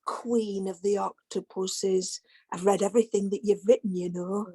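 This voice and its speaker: A woman's voice: mid-range voice, level tone, moderate pace, mellow, breathy edge. A woman playing a fussy, gushing webinar participant in improv comedy.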